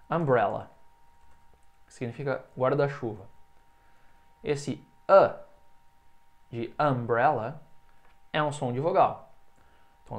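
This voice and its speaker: A man teaching English in in an online lesson, explaining a rule and then saying example words slowly for the learner to repeat. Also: mid-range voice. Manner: checks in often with quick casual asides. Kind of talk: recorded online language lesson.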